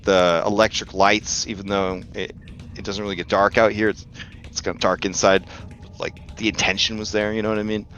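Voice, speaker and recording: A man with a fairly low voice narrates a tabletop game as game master. He improvises casually, with rambling, joking asides and some swearing. Faint noise sits behind him. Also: a bit bright, highs cut off.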